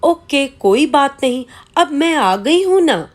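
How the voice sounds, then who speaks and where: A woman reading the part of a gentle, loving young wife who speaks softly and pleads. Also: high-pitched, big pitch swings, slow, pitched above the performer's own voice, exaggerated voice. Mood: affectionate.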